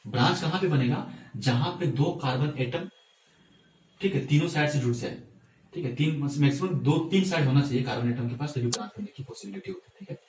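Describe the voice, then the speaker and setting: A man's voice: fairly high pitch, brisk, a little mellow. Guy teaching chemistry at a whiteboard, keeps asking himself questions, roomy echo, mic kinda far off. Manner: asks and answers his own questions, repeats "theek hai". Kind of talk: whiteboard lesson. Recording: echoey room, mic at a distance.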